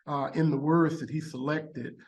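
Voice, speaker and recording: A man reflecting in an unscripted interview, speaking in deliberate, halting phrases with pauses. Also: on the high side, steady tone. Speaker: interviewed commentator.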